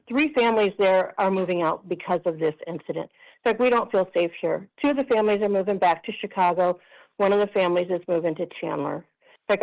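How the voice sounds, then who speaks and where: A woman's voice: medium pitch, rough recording. A woman calling in to a council meeting from a kitchen at work, telling a long story with emphasis as a resident giving public comment. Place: kitchen at her workplace. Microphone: phone or video call.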